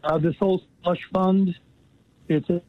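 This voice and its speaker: A male caller to a talk radio show on a crackly phone line, speaking haltingly and restarting his sentences. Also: high-pitched, fairly even intonation. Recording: narrow dry phone line.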